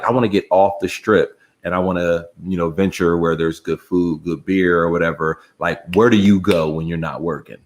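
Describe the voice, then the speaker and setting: A man co-hosting a podcast, telling a relaxed anecdote in casual chat. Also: low-pitched. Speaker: podcast co-host.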